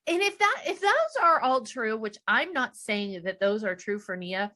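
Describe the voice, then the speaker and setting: Animated woman podcast co-host. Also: fairly high pitch. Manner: animated, acts out quotes, quick reactions. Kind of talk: casual chat recapping a reality show.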